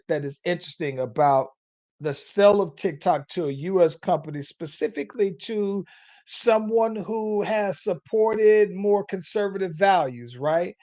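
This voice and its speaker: A man's voice: high-pitched, a little mellow, dry recording. A man hosting a casual podcast, rambling along and tagging his sentences with "though, man". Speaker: podcast host.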